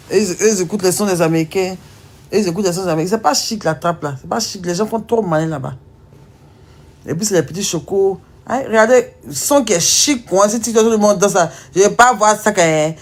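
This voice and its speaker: On a live stream, a woman in her thirties from Ivory Coast chats casually in a lowish voice with an Ivorian French accent. She's emphatic and teasing, peppering her viewers with rhetorical questions.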